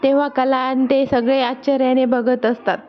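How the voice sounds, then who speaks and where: A woman's voice: sits high, flat delivery, moderate pace. A woman casually retelling a serial episode, quoting each character in turn. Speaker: serial recap narrator. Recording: dull lo-fi recording.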